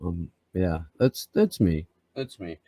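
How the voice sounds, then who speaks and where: A man with a gruff, scruffy voice co-hosting a casual live stream, rambling and swearing, full of fillers and restarts. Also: low-pitched, sing-song, takes it slowly, mellow, no echo. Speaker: podcast co-host.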